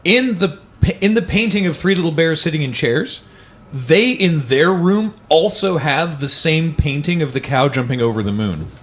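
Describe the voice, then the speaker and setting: With music running behind him, a man reads children's books aloud and casually discusses them as host. His voice is a little high and animated, at a normal speed.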